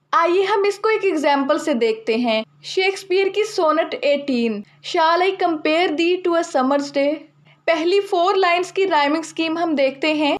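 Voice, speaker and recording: A young woman with a high, light voice gives a literature lesson. She explains steadily and methodically, restating each new term in simpler words for her students. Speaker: literature teacher. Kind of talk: explanatory lecture.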